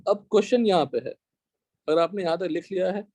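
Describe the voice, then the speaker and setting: A high-pitched young Indian man teaching chemistry in class. His voice is mellow and dry, without room echo. He explains step by step and often stops to check whether the students have understood. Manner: dictates slowly in English. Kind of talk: live classroom lecture.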